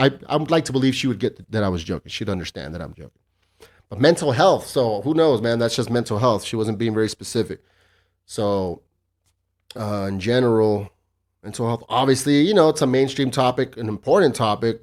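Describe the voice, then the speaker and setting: Rambling, foul-mouthed podcast guy. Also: fairly low pitch. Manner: profane, joking and rambling; sarcastic. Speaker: podcast host. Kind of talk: casual solo podcast monologue.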